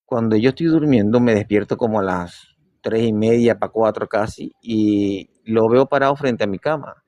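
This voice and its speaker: A man's voice: on the low side, normal speed, no echo. Man telling a story, dry sound. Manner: animated storyteller, acting out quoted dialogue with dropped soft voice. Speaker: hypnotherapist telling a personal story. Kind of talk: casual storytelling on a live stream.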